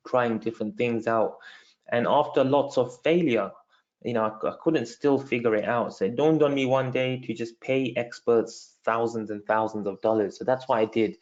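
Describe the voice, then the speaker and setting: On a muffled recording, a man with a mid-range, somewhat dark voice leads a live online marketing training as a sales webinar. He's from London, has the accent to match, and talks casually with lots of fillers, calling viewers "guys."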